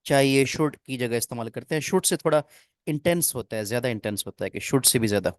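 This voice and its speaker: A man's voice: mid-range voice, a little fast, dry recording. Man teaching grammar, dry sound. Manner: explains step by step, checks often if students follow. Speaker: English teacher. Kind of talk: online class explanation.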